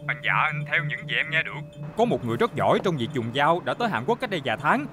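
A man's voice: on the high side, sing-song, fast. A male voice actor dubbing a nervous young male gang underling who stammers and defers to his boss, over background music. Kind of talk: dubbed drama.

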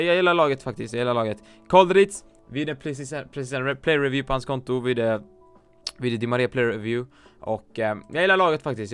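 Male gaming creator, casual blunt team-review chatter, mid-pitched, faint music bed behind. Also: clear, resonant tone. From Sweden. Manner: blunt, joking, swears often, mixes English slang. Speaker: gaming YouTuber reviewing viewers' teams. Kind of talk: casual commentary.

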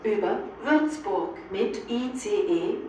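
A woman speaking standard German reads scripted platform announcements over a station loudspeaker, her mid-range voice sounding animated. Still, the delivery is measured, segmented and neutral, and the echoey PA picks up clear station noise in the background.

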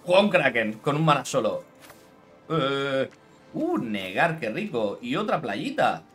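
A man talks through his game live as a streamer, teasing and needling his opponent. His pitch rises and falls a great deal, though his pace stays unhurried. Faint music plays behind him. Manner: animated, taunts the opponent, mixes in English phrases. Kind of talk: live gameplay commentary.

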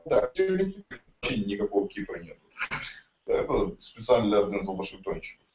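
A man's voice: fairly low pitch, sing-song, a little fast, lo-fi sound, over music. Brash man, echoey room, far from mic. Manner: brash, blunt, swearing. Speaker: promoter of an online investment project. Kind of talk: casual chat, reading messages aloud to viewers. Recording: roomy, distant mic, light background noise.

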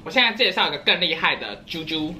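A woman's voice: sits low, expressive, fast talker, sharp tone, a little hiss or hum. A young woman, chatting playfully in a casual eating vlog at home and breaking into silly sing-song voices. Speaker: vlogger.

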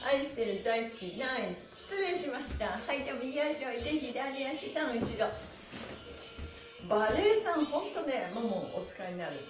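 A middle-aged woman, a stretching class instructor and pantomime teacher, leads an exercise class, cueing moves and chanting counts rhythmically in a cheerful, encouraging way. Her high voice has big pitch swings at normal speed. She's in a small, bare indoor studio, recorded by a camera a few meters away, so the room echoes, the mic sounds far off, and faint music plays.

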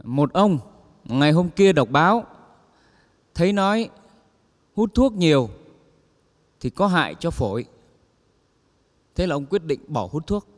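A man's voice: fairly high pitch, measured pace, pauses often. A man telling funny stories on stage and acting out the people in them. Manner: lively storyteller acting out quoted characters. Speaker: comedian telling jokes on stage. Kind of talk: stand-up joke telling. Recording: long hall reverb.

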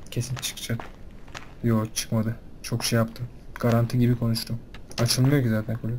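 A young man giving casual commentary on a horror game, chatting to his viewers and panicking loudly when scared. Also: mid-range voice, a little hiss or hum. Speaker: gaming video host.

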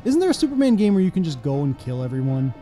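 A man's voice: a little high, sing-song, quick pace. A tired young man co-hosting a casual let's-play, laughing often and making sardonic remarks. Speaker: co-host. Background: game music.

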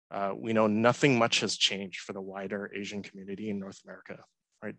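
A man in his thirties, from Hong Kong, giving a prepared conference talk over a headset on a video call, earnest and measured with many uh fillers. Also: lowish voice, sharp tone, no room sound, rough recording. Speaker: conference speaker. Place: home room, indoors. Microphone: headset mic on a video call.

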